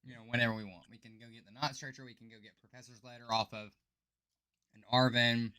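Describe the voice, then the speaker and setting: Man, card game commentator, explains each play, smooth resonant voice, bright tone. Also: medium pitch, level tone, fast talker.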